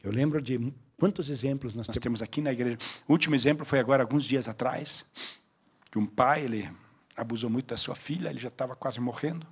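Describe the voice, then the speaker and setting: A male pastor with a Brazilian Portuguese accent preaching a sermon, swinging between loud emphatic lines and hushed ones. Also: mid-range voice, quick pace, breathy edge. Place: church service.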